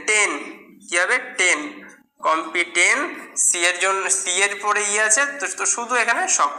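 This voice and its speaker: Teacher voice, very bright and clear, patient and methodical, echoey room. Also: mid-range voice. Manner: slow, patient spelling out letter by letter. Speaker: English teacher. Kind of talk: spelling and pronunciation lesson.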